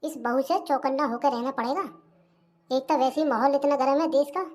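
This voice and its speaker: High thin voice, fussy old village amma, dramatic and scared, a voice actor puts her on, cartoon. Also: fairly even intonation, a little fast, a little hiss or hum, natural voice. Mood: fretful. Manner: fussy and dramatic, mutters asides to herself. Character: fretful old village mother-in-law, suspicious and scared. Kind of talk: cartoon comedy voice acting.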